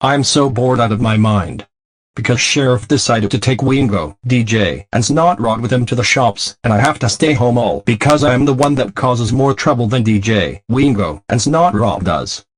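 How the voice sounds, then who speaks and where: A man's voice: medium pitch, lively intonation, moderate pace, no room sound, close to an everyday voice. A man voicing a delinquent cartoon car, a scheming troublemaker who stiffly narrates his own plans. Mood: bored, resentful. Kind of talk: scripted cartoon monologue.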